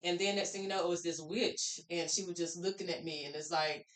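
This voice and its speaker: A woman's voice: fairly low pitch, steady tone, fairly quick. Candid woman in a roomy-sounding podcast. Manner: candid, rambling storyteller who acts out quoted voices. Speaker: podcast guest. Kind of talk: casual storytelling conversation. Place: podcast room. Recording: roomy echo.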